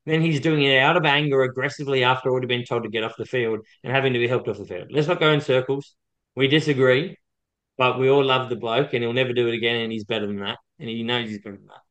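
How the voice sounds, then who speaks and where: A man's voice: mid-range voice, fast, fairly bright tone, lo-fi sound. A man giving opinions on sport as a podcast co-host, blunt, emphatic and heated.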